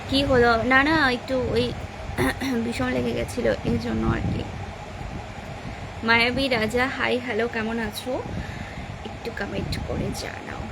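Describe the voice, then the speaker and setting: A woman with a somewhat high voice hosts a live stream in casual, chatty talk, greeting viewers one by one and reading out their comments. Her phone mic picks up a steady wash of background noise and air-conditioner hum in the room. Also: measured pace, pauses often. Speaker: livestream host.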